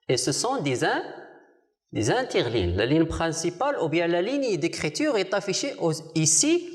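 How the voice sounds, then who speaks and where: Slow, lively-voiced primary school teacher. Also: mid-range voice. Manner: asks the pupils questions, then answers for them; slow, deliberate, repeats words for clarity. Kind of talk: televised distance-learning lesson.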